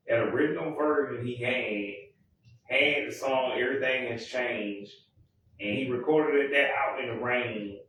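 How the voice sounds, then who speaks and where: A man rambling in a casual monologue, often correcting himself and filling pauses. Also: mid-range voice, a bit bright, a little hiss or hum. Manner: rambling, self-correcting, many fillers. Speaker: music vlogger. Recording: echoey room, mic far off.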